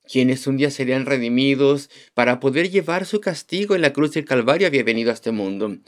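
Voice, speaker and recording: A man preaching an expository sermon, teaching through a Bible passage, repeating key phrases for emphasis and putting rhetorical questions to the congregation. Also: mid-range voice. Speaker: pastor.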